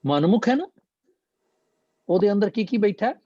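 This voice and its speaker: A man teaching and explaining scripture in a slow, deliberate manner, slipping English phrases into his talk. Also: high-pitched, animated, dark tone, no echo, muffled recording. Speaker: Gurbani teacher.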